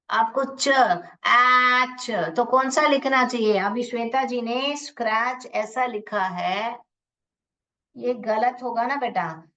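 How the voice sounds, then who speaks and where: A woman's voice: on the high side, pushed and bright. A woman teaching an online phonics lesson, sounding out words syllable by syllable and patiently asking her class questions. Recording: voice a little distant from the mic.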